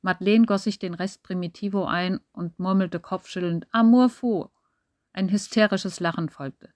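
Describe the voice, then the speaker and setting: A woman reading a story aloud as narrator in a measured, even way. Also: lowish voice, no room sound, clean studio sound. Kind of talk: audiobook narration.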